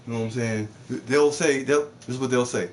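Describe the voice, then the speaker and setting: A man's voice: medium pitch, brisk, slight background noise. Rambling, profane male streamer. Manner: rambling, profane, repeats words, mocks others in put-on voices. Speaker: live streamer. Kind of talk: off-the-cuff rant while gaming.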